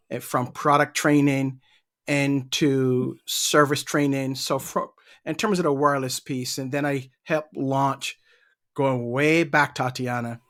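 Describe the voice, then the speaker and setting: A man's voice: mid-range voice, fairly bright tone. Easygoing man from Barbados. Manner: easygoing, repeats words while thinking. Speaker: guest, leadership trainer. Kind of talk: casual interview answers.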